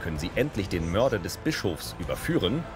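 Low male tv narrator, lively delivery, music bed underneath. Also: fairly quick. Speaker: TV report narrator. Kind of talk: scripted narration.

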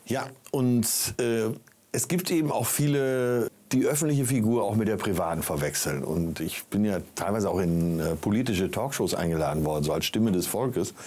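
A man's voice: fairly low pitch, normal speed, dark tone. A man talking as a guest in a casual talk show conversation, reflective and full of hesitations. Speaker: guest, actor.

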